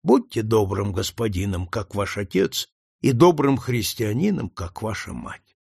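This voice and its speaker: A meek, devout older man , voiced by a man reading aloud speaks in a soft, lowered, unhurried voice. His delivery is tender and patient. The recording is dry and close. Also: sing-song, vocal fry, slightly rough, no echo, full character voice. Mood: counseling. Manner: soft, slow, tender speech. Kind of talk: audiobook character reading.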